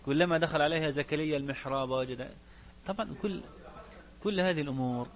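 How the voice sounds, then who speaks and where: A man's voice: fairly high pitch, fast talker. A man with an Egyptian accent teaching a religious lesson, shifting between classical recitation and colloquial asides and putting questions to his students. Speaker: sheikh teaching a fiqh book.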